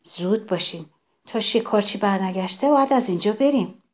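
A helpless young deer from a children's story, voiced by a woman. It pleads for help in a lively, rising voice. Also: medium pitch, lightly acted. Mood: urgent.

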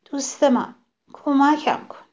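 A helpless young deer from a children's story, voiced by a woman. It pleads for help in a lively, rising voice. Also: mid-range voice, lightly acted. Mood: pleading.

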